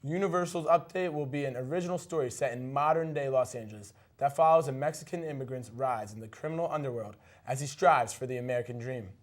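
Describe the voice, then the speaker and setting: Here a man with a mid-range voice shares anchoring duties on a news segment. Between scripted stories he tosses in quick casual asides, sometimes fumbling a word.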